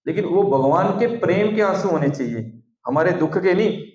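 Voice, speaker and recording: A man's voice: high-pitched, moderate pace. A man giving a devotional class, telling a sacred story and acting out its scenes with a raised voice. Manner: animated, acts out scenes with raised voice. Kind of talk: storytelling sermon. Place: temple or devotional gathering room. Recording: roomy dull lo-fi recording.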